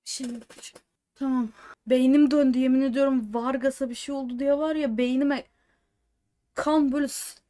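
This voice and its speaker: An excitable woman streamer reacts live to a game she is watching, trading jokes with her chat. Her voice sits a little on the high side. She slips English words into her chatter. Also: moderate pace. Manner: excitable, swings between joking chatter and anxious outbursts.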